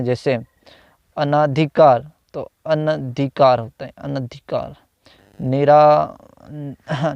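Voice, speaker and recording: A man teaching a grammar lesson, slowly reading out words and their corrected forms, with hesitant fillers and self-corrections. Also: on the high side, creaky, clear, resonant tone, no room sound. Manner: slow, repeats each corrected word with "तो ... होता है". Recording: dull, slightly lo-fi dry recording.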